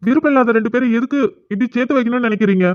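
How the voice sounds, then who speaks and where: A stubborn young grandson from a cartoon family drama, protesting and insistent, voiced by a woman. He speaks quickly, and the recording is dull and lo-fi. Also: fairly high pitch, natural voice.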